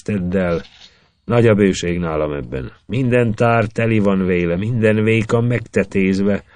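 A man's voice: lowish voice, darkish tone, dry recording, close to an everyday voice. A man voicing a proud old male sage who dismisses offers in rhythmic verse.

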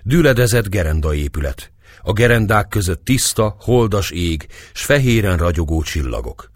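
A male narrator reads a historical novel in a very low voice that rises and falls widely as he reads. The sound is dry and close, with no room around it. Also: no echo. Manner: dramatic, expressive reading. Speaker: audiobook narrator.

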